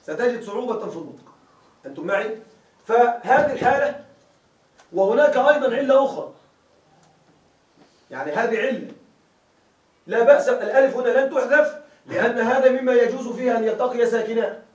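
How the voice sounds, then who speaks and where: His voice is very high-pitched, a little fast, and broken by long pauses as he lectures on Arabic grammar. The man keeps checking that the class follows him, repeating important words as questions for students to answer. It's recorded from a distant mic in a roomy classroom.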